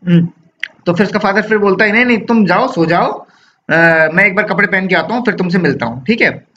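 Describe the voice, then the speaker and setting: A man's voice: high-pitched, brisk, pushed and bright. A man with an Indian accent giving a literature lecture, reading English lines from a story and explaining them in Hindi. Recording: dull lo-fi sound with faint noise.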